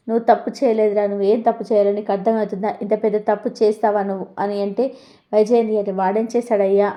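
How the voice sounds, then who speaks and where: A woman's voice: mid-range voice, warm tone. A woman retelling a TV serial episode, speaking each character's lines in her own voice. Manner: brisk storytelling, voicing all characters in her own voice. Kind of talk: retelling a TV serial with quoted dialogue.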